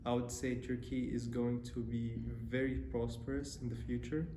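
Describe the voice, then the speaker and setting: A young man from Syria, a student, answering interview questions in a relaxed, hesitant way with many pauses and fillers. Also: medium pitch, a little hiss or hum. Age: young adult. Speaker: interview guest, university student. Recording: roomy echo, faint ambience.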